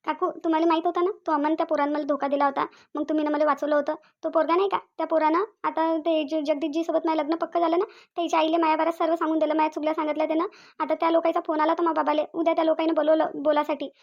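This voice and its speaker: A tearful young woman engaged to be married, pleading in distress with a Vidarbha Marathi accent, as a woman voices her. Her voice is high, and she talks fast. This is a cartoon role. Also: little pitch movement, highs cut off. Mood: upset. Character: young bride-to-be, hurt and tearful.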